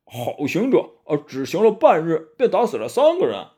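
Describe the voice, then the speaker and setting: A man's voice: a little high, very animated, moderate pace, dark tone, husky, voice pushed up. A man voicing a lazy, meddling pig disciple who talks in a gossipy, sly way.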